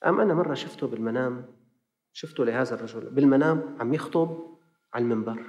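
Fast-talking Levantine preacher in a reverberant hall. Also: male voice, medium pitch. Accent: Levantine Arabic. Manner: animated storyteller acting out dialogue. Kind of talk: sermon lesson with storytelling.

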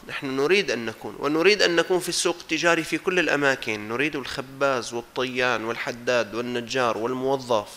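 A preacher with a Syrian accent delivers a religious sermon, emphatically exhorting his listeners and using rhetorical repetition. He blends formal and colloquial speech in a mid-range voice with a sharp tone.

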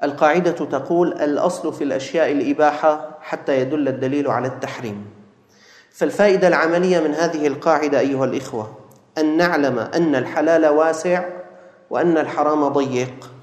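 Guy giving a sermon, kinda high voice, big echoey hall sound. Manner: addresses listeners as brothers, mimics quick "haram" replies. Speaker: preacher. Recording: echoey hall with long reverb.

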